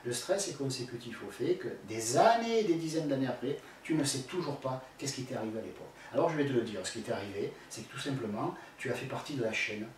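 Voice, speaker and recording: A man's voice: medium pitch, animated, fast talker, hardly any pauses. A man giving spoken advice to a viewer, blunt and colloquial with crude slang and many fillers, addressing the questioner directly. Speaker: spiritual teacher answering a viewer's question. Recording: very echoey room, voice far from the mic, faint background noise.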